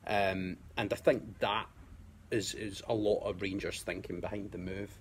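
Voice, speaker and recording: A man with a Scottish accent, a guest pundit in a casual football chat, talking in a measured way and repeating words as he finds his point. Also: low-pitched, steady tone, slight background noise.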